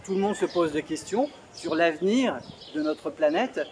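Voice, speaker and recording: A man in his forties presenting a book straight to camera, earnest and pausing often on "euh", seated on a bench in a small outdoor garden. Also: fairly high pitch, animated, a little hiss or hum. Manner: earnest, with frequent "euh" pauses. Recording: outdoor garden with loud birdsong. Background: birdsong.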